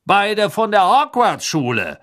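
A man's voice: big pitch swings, takes it slowly, exaggerated voice. A man reading aloud and voicing a male tournament announcer whose voice is magically amplified over the stands. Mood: ceremonious. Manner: loud, high, ceremonious announcing. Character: booming middle-aged male tournament announcer. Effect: magically amplified voice, like a stadium loudspeaker. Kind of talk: audiobook reading.

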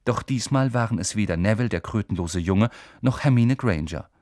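A man reading a children's novel aloud as an expressive audiobook narrator. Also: fairly low pitch, fairly quick, no room sound, studio quality. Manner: expressive, lively storytelling.

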